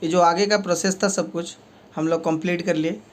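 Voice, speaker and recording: A man's voice: high voice, fairly even intonation, a little fast. A man with speech, a repair technician who explains each step of fixing a table fan in a plain way, with many fillers. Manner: speaks while working with his hands.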